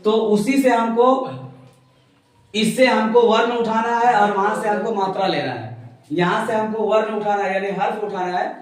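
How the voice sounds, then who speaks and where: A man's voice: high voice, normal speed. A man teaching Urdu letters to a class, asking questions and repeating their answers back. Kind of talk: classroom lesson with call-and-response. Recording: echoey room, voice from a distance.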